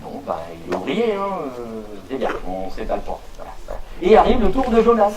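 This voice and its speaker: A man's voice: high voice, brisk, noisy background. A man performing stand-up comedy, telling a story with stammering restarts and acting out the characters. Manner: animated, stammering restarts, acts out voices. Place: live show venue with audience. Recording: roomy live stage sound from a distance, audience.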